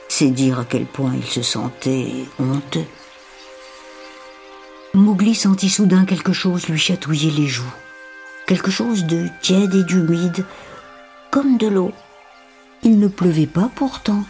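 A man narrating a children's story in an expressive, measured reading style. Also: a little high.

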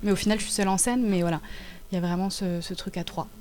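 A woman in her twenties, a dancer and choreographer, talks about her work in a casual interview, halting often as she searches for words. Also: mid-range voice, steady tone, a little mellow. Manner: halting, with many hesitations.

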